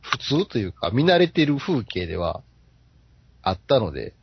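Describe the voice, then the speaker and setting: A man with a Kansai accent in casual podcast chat, animated and teasing. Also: mid-range voice, normal speed, husky, no echo. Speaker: podcast co-host. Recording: dull lo-fi podcast audio.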